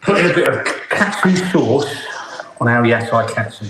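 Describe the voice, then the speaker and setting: Chatty chef in an echoey kitchen. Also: male voice, medium pitch, expressive, moderate pace, very noisy. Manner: chatty, talks while plating food. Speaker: head chef hosting a cookalong. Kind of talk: live cooking demonstration.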